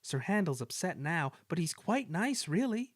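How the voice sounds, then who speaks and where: A man voicing a mild, kindly young male steam engine in a children's storybook, gentle and apologetic. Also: high voice, big pitch swings, moderate pace, dry recording, studio quality, voice pushed up.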